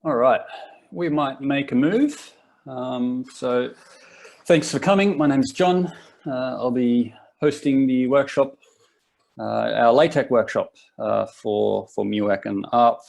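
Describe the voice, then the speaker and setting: This young Australian, in his twenties, hosts a live workshop in a relaxed, meandering style, often restarting what he's saying. His medium-pitched voice is creaky with a darkish tone, and his pace is slow.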